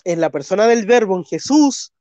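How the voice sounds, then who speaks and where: The voice is high-pitched and warm with lively intonation at a moderate pace, captured in a muffled recording without echo. It belongs to a Chilean man with a Chilean Spanish accent, hosting a live stream debate on theology. He is congested, clears his throat, and argues earnestly, insisting and repeating phrases.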